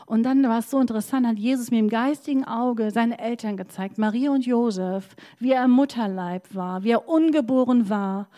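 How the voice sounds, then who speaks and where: A woman's voice: a little high, normal speed, few pauses, warm tone. A woman pastor preaching a sermon in church, passionate and emphatic, telling a personal story.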